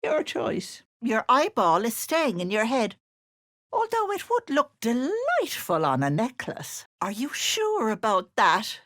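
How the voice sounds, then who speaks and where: A woman's voice: a little high, huge pitch swings, slow, a bit bright, dry recording, studio quality, heavily acted. A woman playing a sly, wicked old hag in a video game, posing as a sweet auntie, with cloying endearments laid over gloating menace. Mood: sly cajoling. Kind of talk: video game character voice acting.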